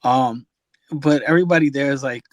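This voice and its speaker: A man's voice: medium pitch, dry recording. Rambling man with a dry sound. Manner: rambling, halting, many fillers and restarts. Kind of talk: casual chat.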